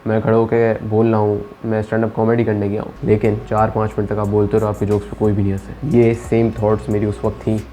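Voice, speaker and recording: A young adult man with a fairly low, dark-toned voice vlogs about his first stand-up comedy performance. Describing himself as an introvert, he tells the story reflectively and conversationally, slipping into English phrases now and then.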